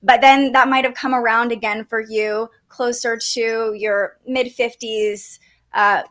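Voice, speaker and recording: A woman hosting a podcast, giving a conversational astrology reading in a gentle, explanatory way. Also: on the high side, steady tone, a little slow. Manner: gentle, explanatory, with light laughs and fillers.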